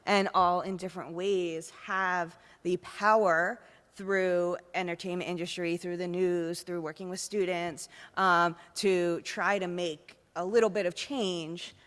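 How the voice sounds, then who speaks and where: A woman's voice: fairly low pitch, steady tone, a little slow, fairly bright tone. A woman panelist speaking thoughtfully and loosely, filling her sentences with "you know" and "kind of". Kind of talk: panel discussion remarks. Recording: long hall reverb.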